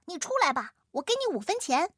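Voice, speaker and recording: A woman's voice: high voice, big pitch swings, brisk, fairly bright tone, dry recording, clean studio sound, voice pushed up. A woman storyteller voicing an eager big brother trying to bribe the baby.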